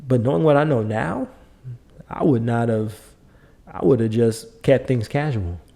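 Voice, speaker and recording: Dark-voiced middle-aged man lecturing. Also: medium pitch, animated, a little slow, gravelly. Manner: emphatic, lecturing, repeats points. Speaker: podcast host. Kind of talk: opinionated monologue.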